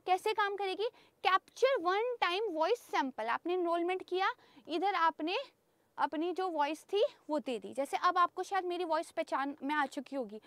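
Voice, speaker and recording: Woman lecturer, very high-pitched, chatty and checking in, mixes English terms, dry recording. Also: fairly bright tone, dry recording. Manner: chatty, keeps checking in with students. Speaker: teacher. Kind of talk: exam-prep lecture.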